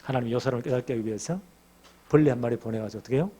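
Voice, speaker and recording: A man's voice: medium pitch, rapid-fire, mellow. A middle-aged male pastor preaching an expository sermon, telling the story vividly and asking the congregation questions.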